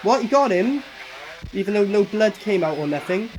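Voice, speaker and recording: A man's voice: high voice, animated, normal speed. A man giving casual, mocking running commentary on a film, sarcastic and full of swearing. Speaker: horror film reviewer reacting while watching.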